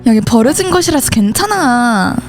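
High-voiced woman voicing a school horror story. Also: big pitch swings, moderate pace, faint music behind. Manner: switches between several teenage schoolgirl characters in dialogue. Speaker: channel host and voice actor.

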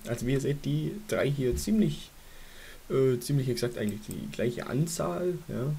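A young man hosts casually in a medium-pitched, relaxed and mellow voice. He chats informally and thinks aloud while commenting on his screen. A light hiss sits on the homemade recording. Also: normal speed, vocal fry. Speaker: gaming YouTuber hosting a giveaway draw. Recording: hissy home microphone recording. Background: faint hiss.

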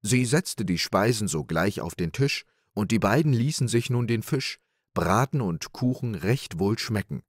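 A man reads a fairy tale aloud in a calm, measured way for listeners winding down. His voice is low and steady. The recording is dry and close. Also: no echo. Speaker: audiobook narrator.

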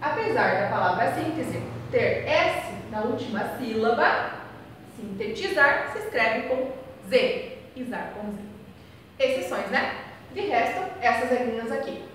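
High-voiced woman teacher in an echoey hall. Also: animated, a little slow, a bit bright. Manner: asks rhetorical questions and answers them; spells out letters and repeats key points. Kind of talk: recorded remote class lesson. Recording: echoey hall, voice far from mic, faint noise.

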